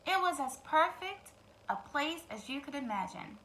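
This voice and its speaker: In a low-quality recording with clear background noise, a woman teacher with a high-pitched voice reads aloud at a moderate pace during storytime. She's expressive and breaks off to speak directly to her young listeners.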